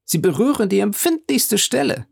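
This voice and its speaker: A man reading an audiobook, voicing a cunning young male swindler who talks eagerly in drawn-out phrases. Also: sits high, big pitch swings, breathy edge, no echo, studio quality, voice pushed up, exaggerated voice.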